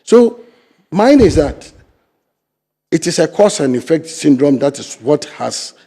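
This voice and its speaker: Big pitch swings mark the voice of this older Ghanaian man, who speaks a little slowly with a Ghanaian English accent. As a fisheries sector guest in a studio interview, he argues emphatically, shifting between loud stresses and low asides.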